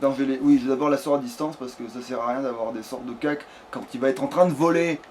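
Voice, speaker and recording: On a noticeably noisy home game recording, a man plays through a game with casual, sweary banter, complaining as he goes. His voice is medium-pitched, fast and a little mellow.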